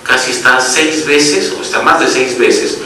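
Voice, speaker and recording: A man's voice: mid-range voice, a little slow, sharp tone, heavy reverb, distant mic, slight background noise, rough recording. A man giving a medical lecture as a pediatric doctor, explaining step by step and often checking that the audience follows.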